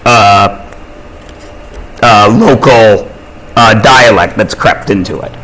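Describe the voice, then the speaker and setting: A man's voice: on the low side, slow, pushed and bright, rough recording. A Canadian man teaching math in a classroom, joking and teasing his students on a chatty tangent.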